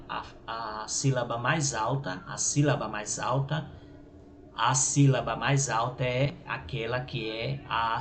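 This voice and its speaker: Slow, halting male teacher in an echoey room. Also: mid-range voice, gravelly. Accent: Brazilian Portuguese. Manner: halting, repeats words, checks with "certo?" and "né?". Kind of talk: grammar lesson. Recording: echoey room with faint noise.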